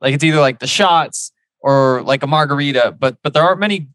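A man's voice: fairly high pitch, a little fast, fairly bright tone, dry recording. A man co-hosting a podcast, giving a loose, ad-libbed sponsor read in a casual, chatty way. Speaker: sports podcast co-host.

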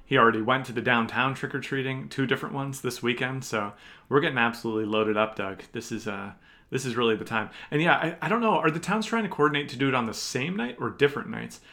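A man's voice: mid-range voice, fast, creaky, pushed and bright. A man co-hosting a sports podcast, chatting casually and explaining his takes in a conversational, qualified way. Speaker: podcast co-host, fantasy basketball analyst.

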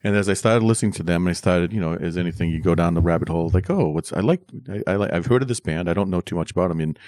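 Talking rapid-fire in a low, darkish voice, this middle-aged podcast co-host rambles amiably with his son about music, restarting often and cracking corny dad jokes. The sound is clean studio quality with no echo.

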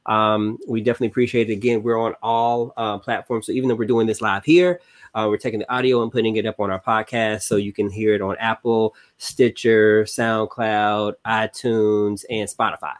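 Laid-back podcast host. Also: male voice, lowish voice, normal speed. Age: 30s. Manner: relaxed, lots of fillers and repeats. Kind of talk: casual chat.

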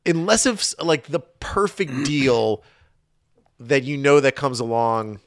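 A man's voice: medium pitch, slow, no room sound. A man with a mid-range voice talks through his opinions on a sports podcast, casual and searching as he goes. The recording is dry and close to the mic. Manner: conversational, thinking aloud with fillers. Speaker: podcast co-host.

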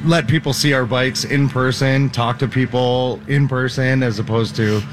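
A man's voice: mid-range voice, fairly even intonation, moderate pace. A man answering casually as an interview guest. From Minneapolis. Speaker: guest, bike company owner. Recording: faintly noisy live fair broadcast.

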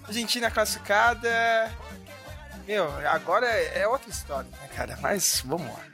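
A woman's voice: mid-range voice, expressive, normal speed, fairly bright tone. A Brazilian woman in casual, slangy, emphatic sports chat as a podcast panelist. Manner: colloquial, emphatic. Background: music.

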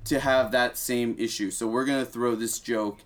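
A man's voice: mid-range voice, steady tone, moderate pace. Rambling man in a podcast chat. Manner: rambling, many fillers and restarts. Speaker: podcast co-host. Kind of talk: casual chat.

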